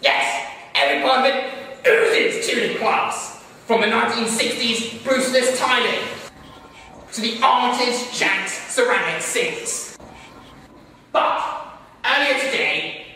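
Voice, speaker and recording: A man playing an excitable history documentary presenter, speaking theatrically. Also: very high-pitched, unhurried, a little hiss or hum, heavily acted. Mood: enthusiastic. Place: school toilets, indoors. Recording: echoey tiled room from far off.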